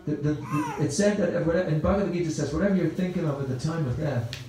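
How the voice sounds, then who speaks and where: A man's voice: fairly high pitch, fast, noisy background. An Irish man giving a rambling, conversational Sunday talk at a temple, repeating words as he goes. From Ireland. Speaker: temple speaker. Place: temple hall. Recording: very echoey room.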